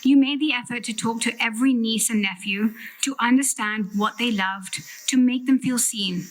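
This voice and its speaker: A middle-aged woman delivering a prepared farewell speech with heartfelt, emphatic and deliberate phrasing. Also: a little high, low-quality recording. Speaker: sister giving a farewell eulogy.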